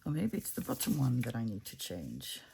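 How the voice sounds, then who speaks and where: A woman's voice: a bass voice, huge pitch swings, brisk, gravelly, dark tone, slight background noise. A woman vlogger from France and Italy, thinking aloud and chatting to her craft materials, often dropping to a whisper. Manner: muses aloud, talks to her craft pieces, drops into whispers. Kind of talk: casual talk-along while crafting.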